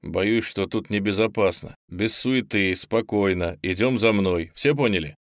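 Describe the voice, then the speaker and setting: A composed male physics teacher, read by a male narrator, giving steady, commanding orders in a low voice. The audiobook recording is dry and close. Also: a little slow, dry recording. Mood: firm. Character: calm, firm adult male physics teacher.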